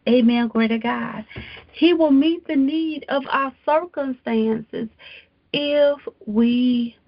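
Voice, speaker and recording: A woman's voice: sits high, slow pace, creaky, dull audio. A woman preacher delivering an emphatic, exhorting sermon, repeating phrases for effect.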